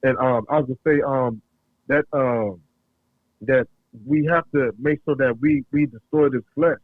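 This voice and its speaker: Caller: a man on a thin phone line, halting and rambling, dry close sound. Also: mid-range voice, no echo. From North Carolina. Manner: halting, rambling, many pauses. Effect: heard over a phone line. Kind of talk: casual call-in chat.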